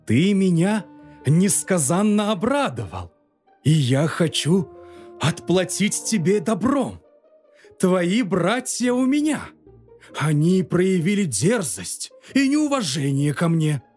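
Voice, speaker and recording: A man voicing a jovial, grateful old king who speaks slowly and chuckles. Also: sits high, soft background music, full character voice. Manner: chuckling, expressive.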